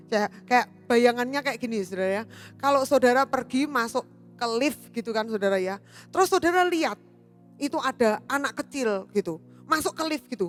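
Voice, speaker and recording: High-voiced woman pastor preaching. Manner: animated storytelling, addressing congregation as "saudara". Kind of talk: sermon. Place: church.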